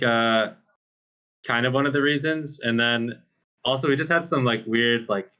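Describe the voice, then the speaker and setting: A man who plays esports professionally, talking casually in a post-match interview, full of fillers and quick laughs. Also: mid-range voice, bright, forceful tone. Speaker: pro esports player.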